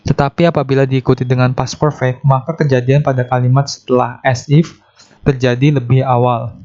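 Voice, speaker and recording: A man's voice: mid-range voice, flat delivery, a little mellow. Man explaining grammar, lo-fi sound. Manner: explains step by step, slows down to read English options. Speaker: English teacher. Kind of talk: exam-prep lesson explanation.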